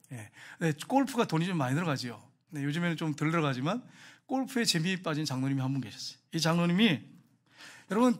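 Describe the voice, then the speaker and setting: A male pastor preaching with a high voice and rapid delivery. He tells his stories animatedly and keeps turning to address the congregation directly. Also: fairly bright tone. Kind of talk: sermon.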